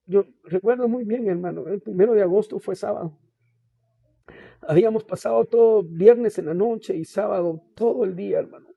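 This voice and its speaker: Guatemalan pastor guy telling his testimony, high-ish but really warm dark voice, dry close mic, keeps saying hermano. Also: creaky, no room sound, narrow, tinny audio. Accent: Guatemalan Spanish. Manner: earnest storyteller, keeps addressing the listener as "hermano"; halting, with many restarts and fillers. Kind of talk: personal faith testimony in a podcast interview.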